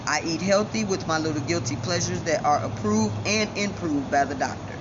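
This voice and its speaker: Talking directly to the camera, a Chicago woman who vlogs gives a confident, defiant account of herself at a normal speed. Her fairly low voice is affected by missing front teeth, and the audio is dull and lo-fi, with heavy ambient noise.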